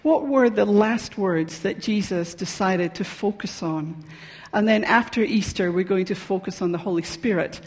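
Scottish woman pastor, mid-pitched and conversational, sermon in a reverberant hall. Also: normal speed. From Scotland. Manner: conversational and personal, with frequent ums. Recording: long reverb of a large hall.

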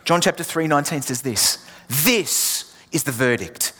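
With a slightly high, expressive voice that is sharp in tone and breathy at the edges, this pastor speaks at a measured pace. Born in England, he has an Australian accent and preaches with emphatic refrains that sometimes drop to nearly a whisper, all in a long, reverberant hall.

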